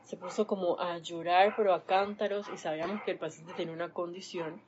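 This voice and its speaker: Her voice is on the low side and steady in tone, and she speaks briskly as she delivers a spiritual talk over a live stream, animatedly playing out everyday situations. The recording is lo-fi and dull, with faint noise behind her.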